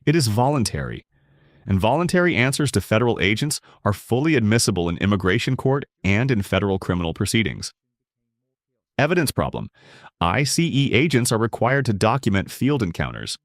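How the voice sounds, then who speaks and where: A man giving scripted narration that explains legal rights in a measured, emphatic way. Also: lowish voice, sing-song, no echo, clean studio sound.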